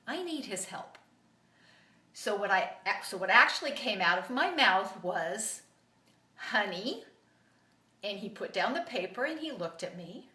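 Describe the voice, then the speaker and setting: A middle-aged woman coaching about communication in marriage, talking in a conversational way and telling lively personal stories. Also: mid-range voice, distant mic. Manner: animated storytelling with vivid anecdotes. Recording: roomy echo, voice a bit off-mic.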